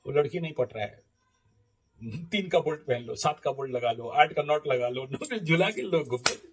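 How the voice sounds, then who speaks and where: A man, an astrologer, telling stories in a casual spoken monologue, animated and often laughing, swinging between loud and soft. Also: on the high side, normal speed, slight background noise, low-quality recording. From eastern India.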